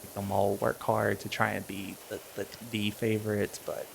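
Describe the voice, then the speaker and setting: A man's voice: lowish voice, little pitch movement, normal speed, creaky, noisy background. A man streaming a game, chatting casually and wryly while he plays. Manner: laid-back, wry, thinks aloud while playing. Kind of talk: casual gameplay chat.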